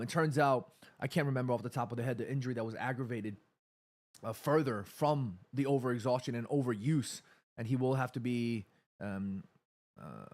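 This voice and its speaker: A man in his thirties hosting a live football watchalong stream, chatting casually, reading viewer messages aloud and getting excited during attacking moves. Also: mid-range voice. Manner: chatty, reads viewer chat aloud between play calls.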